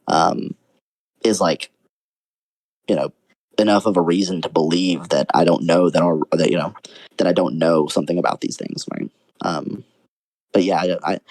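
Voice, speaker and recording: A young man with a low-pitched voice, arguing a philosophical point in a casual online debate. He thinks aloud, stumbling through restarts and fillers as he goes. The sound is dry and close, with no room around it. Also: a little mellow, dry recording.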